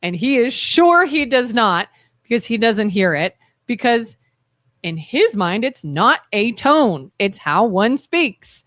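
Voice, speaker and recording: A woman in her thirties co-hosting a casual live talk show, acting out quoted dialogue with lively energy. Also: fairly high pitch, slow pace, no echo, clean studio sound. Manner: animated, acts out quoted dialogue, laughs. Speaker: podcast co-host.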